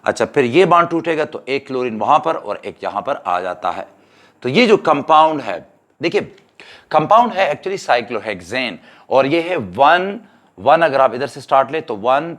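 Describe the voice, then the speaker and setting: A man, giving a chemistry exam-prep lecture and explaining each step while mixing in English terms. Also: mid-range voice. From Pakistan. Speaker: chemistry teacher.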